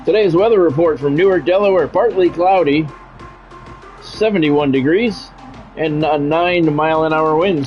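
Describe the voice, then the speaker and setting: An American man with a slightly high voice calls play-by-play for a video game football match in a measured announcer style, mixing in casual chat with his stream viewers. The audio is dull and lo-fi, with music behind him.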